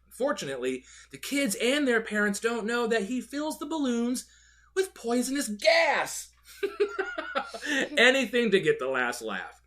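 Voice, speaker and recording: A man hosting a video show, giving gushing, excitable product commentary. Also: high voice. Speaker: host of a Halloween animatronic video show. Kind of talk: enthusiastic product commentary with read-out descriptions.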